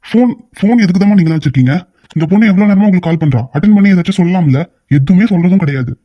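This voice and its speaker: A man voicing a stern, quick-tempered male shoot manager in an animated short, firing off exasperated questions. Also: high-pitched, dry recording, lo-fi sound. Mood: scolding. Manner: rapid, scolding, exasperated questions. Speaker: shoot manager scolding staff. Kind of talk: Tamil animated short voice acting.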